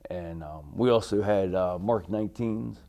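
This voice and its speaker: A middle-aged American man, a military veteran, recalling his service in an interview in a halting, polite way. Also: low voice, vocal fry, dark tone. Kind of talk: oral history interview, recalling army service.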